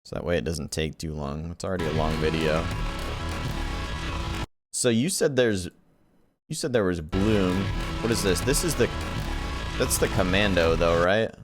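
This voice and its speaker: A man chatting excitedly as he reacts to a game trailer, loose and slangy. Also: deep voice, moderate pace, pauses often, music in the background. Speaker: gaming YouTuber. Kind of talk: casual reaction commentary.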